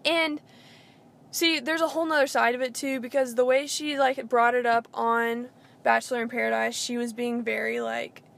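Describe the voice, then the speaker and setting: High, gravelly young woman chatting. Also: flat delivery, moderate pace, a bit bright. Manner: rambling, filler-heavy with frequent "like". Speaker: podcast co-host. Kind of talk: casual pop-culture chat.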